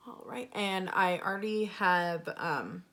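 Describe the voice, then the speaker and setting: A woman with a lowish, fairly bright voice speaks slowly while reviewing makeup as a beauty vlogger. Her lisp gives her s sounds a slushy quality, and she chats casually, poking fun at herself.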